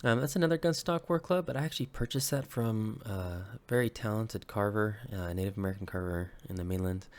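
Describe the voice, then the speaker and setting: In a laid-back vlog, a Hawaiian man in his thirties who makes wooden pieces and weapons shows off his handmade work in a lowish voice. He's still getting over an illness and a bit sick, and he uses plenty of ums and uhs and quickly fixes his own slips.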